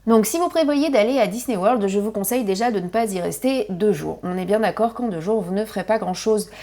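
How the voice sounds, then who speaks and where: A woman with a French accent giving chatty travel advice in a casual vlog, lively, with frequent fillers and restarts. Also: medium pitch, a little fast. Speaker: family travel vlogger.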